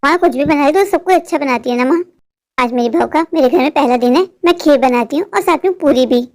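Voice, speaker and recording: A woman's voice: sits high, brisk, darkish tone, lightly acted. A woman voicing a bossy, greedy middle-aged mother-in-law in a cartoon, who scolds and then turns sugary and grasping. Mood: sweet. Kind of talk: cartoon voice acting.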